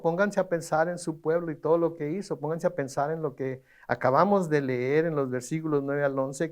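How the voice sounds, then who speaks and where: A man's voice: fairly high pitch, darkish tone. A middle-aged man preaching a sermon, stammering over repeated words and asking the congregation rhetorical questions. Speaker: pastor.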